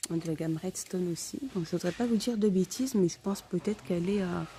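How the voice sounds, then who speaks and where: A woman's voice: lowish voice, brisk, noisy background. A woman speaking through a face mask, muffled, giving a casual, slightly hesitant item-by-item shopping vlog tour inside a store. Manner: informal, hesitant item-by-item commentary. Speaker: shopping vlogger.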